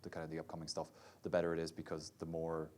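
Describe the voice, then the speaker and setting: On a panel, a VR developer talks casually and chattily, full of fillers like "sort of" and "like." His bass voice is monotone and darkish, and he speaks at a quick pace.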